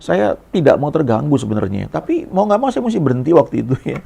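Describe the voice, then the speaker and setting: Casting: middle-aged male pastor with a very gravelly, fry-heavy voice, easygoing sermon storyteller. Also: fairly high pitch, sing-song, quick pace, warm tone. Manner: conversational storytelling, frequent "ya" tags. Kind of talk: sermon testimony.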